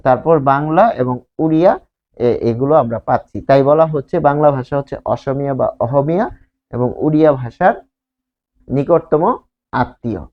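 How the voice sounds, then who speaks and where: A man from Bangladesh, teaching a grammar lesson, explaining slides and asking and answering his own questions. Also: on the high side. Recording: slightly dull lo-fi recording.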